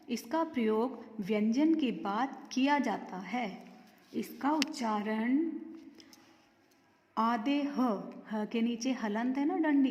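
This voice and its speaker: Woman, children's grammar teacher, unhurried, asks and answers herself, muffled roomy recording. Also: on the high side, a little mellow. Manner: slow, drawn-out word demonstrations, asks and answers own questions. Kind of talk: Hindi grammar lesson for children. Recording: dull, echoey room with long reverb.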